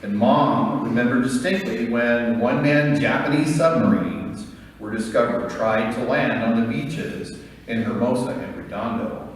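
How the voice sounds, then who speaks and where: American man giving a eulogy in an echoing hall. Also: medium pitch. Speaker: son giving a eulogy for his father. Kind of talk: prepared memorial speech. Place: large reverberant room. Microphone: distant microphone. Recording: echoey hall, distant mic, faint noise.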